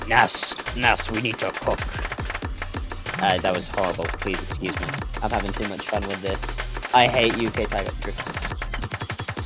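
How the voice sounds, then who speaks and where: A young man casting a rhythm game tournament on his own, rambling and joking at himself, then breaking into excited shouts. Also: on the low side. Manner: rambling, self-mocking, bursts into excited shouts. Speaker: solo tournament caster. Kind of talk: excitable esports commentary. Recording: streamed commentary over loud game music.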